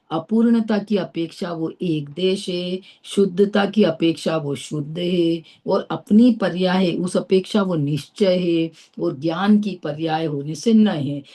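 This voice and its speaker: A woman's voice: lowish voice, warm tone. A middle-aged woman from India teaching a philosophy class, explaining step by step and checking often that her listeners follow. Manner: explains patiently with rhetorical checks.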